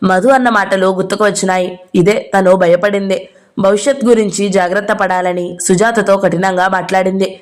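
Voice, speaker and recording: A woman reading a novel aloud as an audio book narrator. Her telling is steady and even, at a middle pitch. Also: fairly quick.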